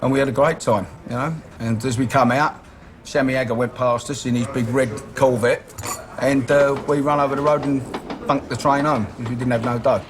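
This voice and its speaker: A man's voice: medium pitch, steady tone, brisk, background noise. A middle-aged man with a Cockney accent, recalling his band's early days in a documentary interview, slangy and profane. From East London. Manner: rambling, profane storytelling with slang. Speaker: band member interviewee. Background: music underneath.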